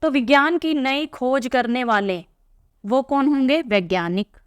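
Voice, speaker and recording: A woman teacher speaks slowly and patiently, walking young pupils through a textbook lesson. Her voice sits a little high and comes across smooth and clear. The recording is dry and close. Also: no echo. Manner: slow, patient, checks in with "theek hai?".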